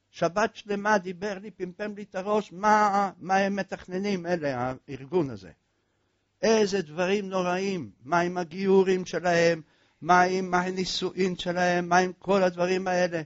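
A male preacher giving an impassioned eulogy sermon that swings between loud cries and hushed, low passages. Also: fairly even intonation, dry recording. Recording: dull lo-fi recording.

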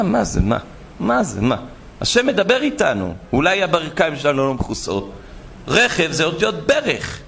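A man giving an impassioned sermon as a rabbi, swinging between hushed asides and loud urgent pleas. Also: on the high side, vocal fry, slight background noise. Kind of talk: fiery sermon.

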